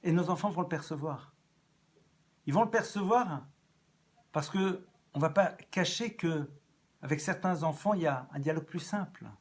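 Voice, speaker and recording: A man giving an evening lecture as a rabbi, animated, swinging between loud rises and soft drops and repeating phrases as he thinks. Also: on the high side, normal speed. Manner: repeats and restarts phrases as he talks.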